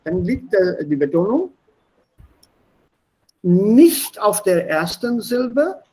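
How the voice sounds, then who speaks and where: A man teaching German pronunciation in an online lesson, explaining slowly and deliberately and switching between German and English. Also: sits high, sing-song, dark tone, low-quality recording.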